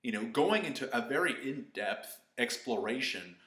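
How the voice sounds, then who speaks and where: A man giving live reaction commentary on an anime episode, exclaiming and cheering at the screen, then reviewing more calmly. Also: medium pitch, moderate pace. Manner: calmer reflective review toward the end.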